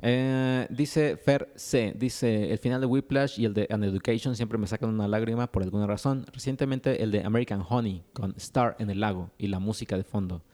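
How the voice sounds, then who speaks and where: A man's voice: lowish voice, moderate pace, few pauses, dark tone. Man reading listener comments on a podcast. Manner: reads comments aloud, laughs often. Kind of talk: casual podcast chat.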